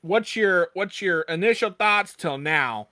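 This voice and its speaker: A man co-hosts a casual podcast, rambling through jokes and laughing often. His voice is bright and forceful and sits a touch high. It sounds dry and close, with no room around it. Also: expressive, a little slow, no room sound. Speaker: podcast co-host. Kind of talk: casual group podcast banter.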